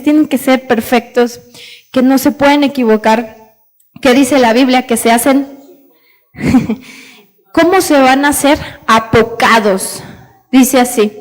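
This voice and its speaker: High-voiced Mexican woman preaching. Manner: lively, acts out quoted parents in a raised voice, laughs often. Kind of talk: sermon.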